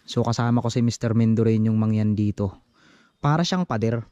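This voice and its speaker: A man vlogging as he explores an abandoned forest site outdoors, talking in tense, hushed phrases. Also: lowish voice, fairly quick, no echo, dull audio. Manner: tense, wary, talks in short hushed phrases. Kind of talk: hushed exploration vlog narration.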